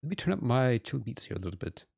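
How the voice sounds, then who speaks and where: Talking fast in a medium-pitched, sing-song voice that's gravelly with a breathy edge, a game streamer banters with his live audience, addressing chat directly and putting himself down. Soft music runs behind him, picked up by his desk mic while he wears headphones.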